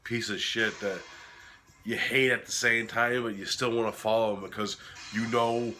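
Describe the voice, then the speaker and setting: A man hosting a casual film review while sick, his voice cracking, talking in a halting, informal, sweary way. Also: on the low side, fairly even intonation, bright, forceful tone. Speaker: host of a horror film review series.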